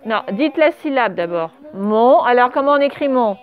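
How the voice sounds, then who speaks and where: A woman teaching a primary school class, correcting a dictation and spelling words out letter by letter with patient pauses. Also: fairly high pitch, animated. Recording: dull lo-fi sound.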